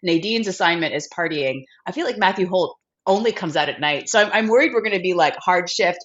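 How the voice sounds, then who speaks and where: Woman co-host with a head cold, lively up-and-down delivery, dull lo-fi recording, gushing enthusiasm. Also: fairly low pitch, brisk. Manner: excitable, gushing, says "freaking" a lot. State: has a cold. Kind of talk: casual podcast chat. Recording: dull lo-fi sound.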